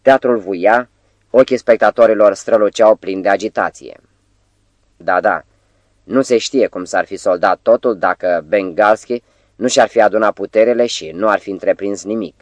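A man reads an audiobook in a measured, dramatic storytelling manner. His voice is on the low side. The recording is dry and close, with no room sound. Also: dry recording. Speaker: audiobook narrator. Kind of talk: scripted audiobook narration.

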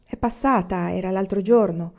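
A woman's voice: medium pitch, normal speed, gravelly, natural voice. Woman reading as a weary peasant mother. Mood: quiet. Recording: dull lo-fi recording.

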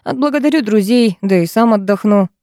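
A woman's voice: medium pitch, a little fast, dark tone, dry recording, clean studio sound, lightly acted. A woman voicing a crude, brutal male kidnapper who snarls lewd threats, in a storybook reading. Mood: menacing.

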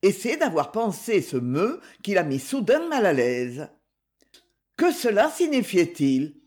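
An audiobook reader narrating a novel with steady, expressive reading. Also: mid-range voice, unhurried.

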